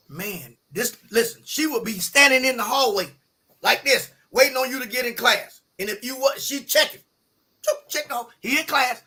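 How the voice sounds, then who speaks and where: A middle-aged man telling a story in a colloquial, animated way, often acting out the people he quotes. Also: very high voice, husky. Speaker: podcast guest. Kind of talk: casual storytelling.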